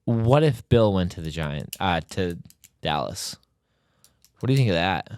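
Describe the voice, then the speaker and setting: A man's voice: sits low, expressive, a little slow, darkish tone, clean tone, no echo. A man in casual sports banter on a podcast, brash and joking, teasing and swearing as he goes.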